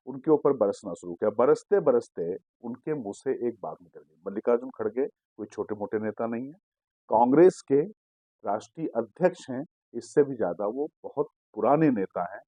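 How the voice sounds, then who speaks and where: A man's voice: mid-range voice, normal speed, warm tone, no echo. A man hosting a digital political news show, giving assertive commentary and explaining a clip to viewers.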